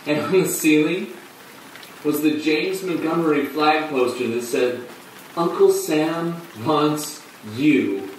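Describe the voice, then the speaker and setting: Dramatic flamboyant guy stumbling through a monologue, far off mic, faint hum. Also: on the high side. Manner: flamboyant, halting, breathless storytelling. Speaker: actor in a filmed monologue. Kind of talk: theatrical monologue. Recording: echoey room, distant mic, faint hum.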